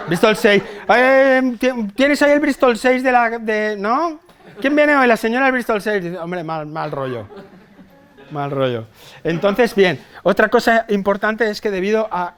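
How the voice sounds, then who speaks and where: Middle-aged guy with a fairly high voice, cracking jokes in a talk to nurses, swears a bit, keeps asking "right?". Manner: chatty, anecdotal, swears casually, asks the audience for agreement. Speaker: psychologist giving a talk. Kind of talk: humorous conference talk to nurses. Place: hospital hall with a live audience.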